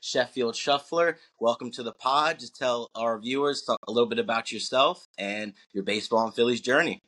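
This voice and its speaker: A man's voice: mid-range voice, normal speed, a bit bright. A young man from New Jersey hosting a casual podcast interview, upbeat and friendly as he asks questions. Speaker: podcast host.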